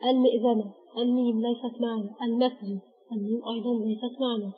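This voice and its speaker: A woman with an Egyptian accent gives a patient grammar lesson. She names each letter with a pause after it. Her voice is fairly high and husky, and the recording sounds dull and lo-fi. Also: flat delivery. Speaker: Arabic teacher.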